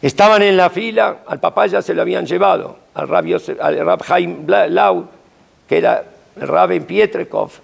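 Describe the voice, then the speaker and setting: An older man, a rabbi, preaching a sermon with dramatic, emphatic storytelling and sudden swings in pitch. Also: moderate pace, gravelly, breathy edge.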